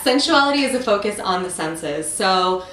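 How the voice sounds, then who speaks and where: A woman's voice: medium pitch, lively intonation, moderate pace, a bit bright, echoey room, far from the mic, rough recording. A woman from Ukraine, a guest TV producer, talking easily and thoughtfully in a casual chat at home. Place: friend's home.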